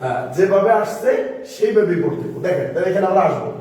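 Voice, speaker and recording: A man's voice: high-pitched, lively intonation, fast talker, darkish tone, far from the mic. A man teaching a Quran reading class, explaining step by step and asking the class questions. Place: mosque-side classroom. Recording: echoey room recorded from afar.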